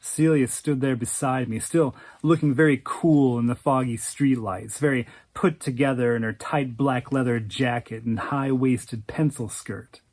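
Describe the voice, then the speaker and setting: A man's voice: medium pitch, steady tone, unhurried, hardly any pauses, a little mellow. A man narrating an oral history with vivid, wry storytelling.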